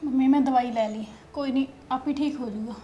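An actress playing a dutiful young wife with a headache who talks softly and without complaint. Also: female voice, sits high, steady tone, quick pace, muffled recording, close to an everyday voice. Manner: soft, uncomplaining. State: unwell. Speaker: elder daughter-in-law.

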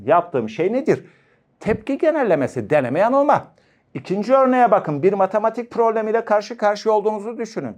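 Lively male teacher quizzing his class. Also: a little high. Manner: animated, asks and answers his own questions, jokey asides. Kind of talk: exam-prep lecture.

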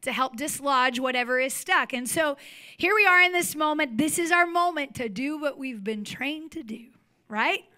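High bright lady pastor preaching in church, super expressive storyteller. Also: normal speed. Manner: expressive storytelling, acts out scenes. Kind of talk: sermon. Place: church sanctuary.

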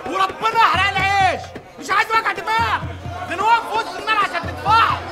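An actor with an Egyptian accent playing a harried, gruff bakery worker who curtly scolds his customers in a comedy film. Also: very high-pitched, fairly even intonation, racing, loud music behind the voice, over a noisy crowd. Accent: Egyptian Arabic. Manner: curt and scolding. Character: harried, gruff bakery man selling bread.

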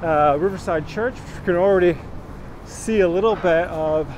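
A tour guide in his thirties, his voice sitting high with a darkish tone, keeps a moderate pace as he live-streams a walk down a city street. He greets viewers by name and holds his phone at arm's length while traffic passes in the background.

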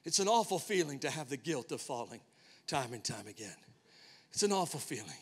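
A male pastor preaching a sermon, telling a personal story with dramatic swings between hushed and emphatic delivery. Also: medium pitch, very animated, a little fast, breathy edge, long reverb tail. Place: church sanctuary.

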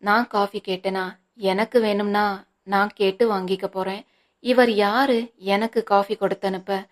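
A woman's voice: mid-range voice, steady tone, normal speed, natural voice. A woman reading the part of an angry, stubborn young wife in a storybook, speaking sharply and indignantly.

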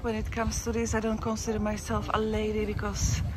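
Walking through a city's outdoor market, this vlogger chats casually, rambles, corrects herself and laughs a lot. Her voice is on the high side, monotone and fairly quick, with traffic noise and street bustle around her.

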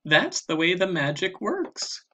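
A man voicing a cheerful, curious little girl in a storybook reading, bright and quick to feel for others. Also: high voice, big pitch swings, voice pushed up, exaggerated voice. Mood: eager. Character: cheerful eager little girl, chattering with cold.

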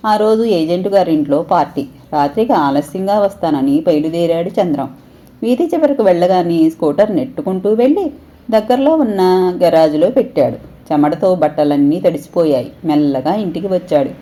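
A woman storyteller reading an audio story aloud in a steady, expressive way. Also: fairly low pitch, normal speed.

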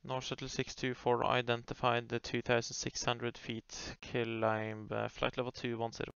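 A man with a medium-pitched, gravelly yet smooth and slightly bright voice speaks in a monotone at a moderate pace. He's an air traffic controller on a flight simulation network, giving clipped, polite procedural radio calls. The audio is muffled, lo-fi radio.

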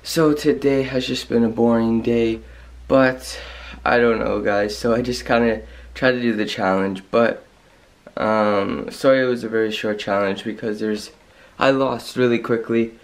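A man's voice: medium pitch, fairly even intonation, a little slow. A young man chats casually to his vlog camera, rambling and hesitant with lots of "like", sounding slightly under the weather with a cold. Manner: rambling, hesitant, peppers talk with "like". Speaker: vlogger. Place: small bedroom at home, indoors. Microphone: handheld camera at arm's length.

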